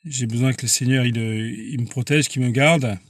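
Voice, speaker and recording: A man's voice: mid-range voice, steady tone, no room sound. Earnest man preaching on a live stream. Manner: halting, repeats words, earnest and insistent.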